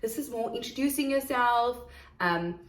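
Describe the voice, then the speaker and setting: A woman's voice: fairly high pitch, lively intonation, moderate pace, echoey room, low-quality recording. A woman coaching viewers on teaching English online in a casual talk, repeating and correcting herself and calling them guys. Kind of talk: casual instructional video.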